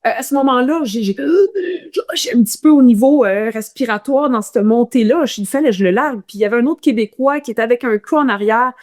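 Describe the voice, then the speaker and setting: A woman with a Quebec French accent, a runner telling a guest's stories in a casual interview, animated and full of restarts. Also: on the high side, quick pace, hardly any pauses.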